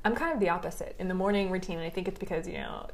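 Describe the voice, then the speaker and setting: A woman in her thirties co-hosting a parenting podcast, chatting casually and laughing often. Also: fairly low pitch. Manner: laughs often, quick back-channel replies. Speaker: podcast co-host. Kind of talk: casual chat.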